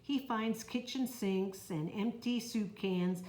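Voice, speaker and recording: A woman reading a children's picture book aloud in a slow, even, clear storytelling manner. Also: mid-range voice. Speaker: storybook reader. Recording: roomy echo, faint noise.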